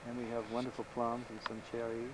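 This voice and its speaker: A man rambles easily about the land around him, his words tumbling out fast. He sounds like an old VHS home video made outdoors on a camcorder. A steady layer of tape hiss sits under his voice. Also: mid-range voice. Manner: easygoing, chatty, quick talker. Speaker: local guide showing a visitor around. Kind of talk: casual rambling storytelling. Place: outdoors on a rural property. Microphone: camcorder microphone.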